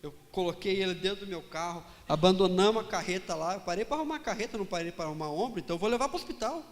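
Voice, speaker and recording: A pastor telling a personal story in a sermon, animated and dramatic, acting out the dialogue. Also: male voice, high voice, rapid-fire, in a large hall.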